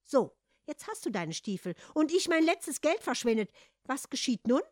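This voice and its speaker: A woman's voice: high-pitched, big pitch swings, moderate pace, no echo, clean studio sound, pitched above the performer's own voice. A woman voicing a poor, embarrassed young man who grumbles and protests, in a read-aloud fairy tale. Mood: grumbling.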